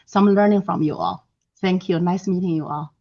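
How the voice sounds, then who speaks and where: A hoarse woman, losing her voice, chats at length and laughs between sentences. Her voice sits low, and the video-call audio is dull and lo-fi. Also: fairly quick. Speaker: participant, financial advisor.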